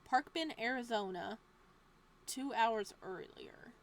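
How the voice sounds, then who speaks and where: Reading a horror visual novel out loud, this woman streamer keeps interrupting the story with playful jokes. Her voice is on the high side, and she speaks slowly.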